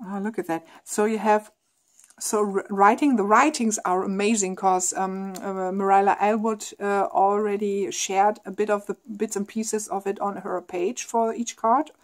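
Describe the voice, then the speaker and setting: A woman's voice: medium pitch, fairly even intonation, normal speed. Female host chatting through an unboxing, reads guidebook passages aloud, eager and effusive. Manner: enthusiastic, gushing over artwork. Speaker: tarot deck reviewer. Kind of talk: casual unboxing chat, reading aloud.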